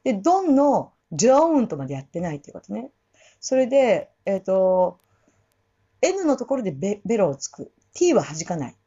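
Speaking Japanese, a woman casually teaches the English pronunciation for a song, slowly repeating and singing short English phrases as demonstrations. Her medium-pitched voice is very animated, mellow and slightly rough, and the recording is muffled.

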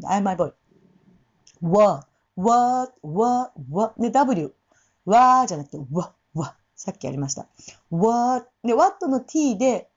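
Give me a Japanese woman coaching English song pronunciation, mellow voice. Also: medium pitch, muffled recording. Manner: demonstrates sounds by singing and repeating them. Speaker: English singing pronunciation teacher. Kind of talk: casual spoken lesson.

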